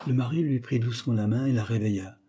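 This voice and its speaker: Mellow husky male storyteller. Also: fast. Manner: lively, raises pitch and volume for characters' shouts. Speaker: narrator reading a tale. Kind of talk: storybook reading with acted voices.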